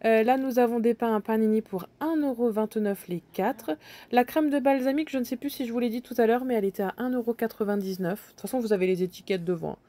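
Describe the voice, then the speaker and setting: A bargain-hunting vlogger strolls casually through supermarket aisles, chatting and thinking aloud while pointing out deals. Her voice is a little high, fast, and mellow, and she hesitates often.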